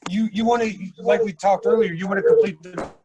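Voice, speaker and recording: A man's voice: high voice, huge pitch swings, a little fast, a little mellow, dull audio, a little hiss or hum. A man hosting an online movie discussion over a video call, talking hesitantly with many fillers while his audio keeps breaking up. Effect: choppy, breaking-up video-call audio.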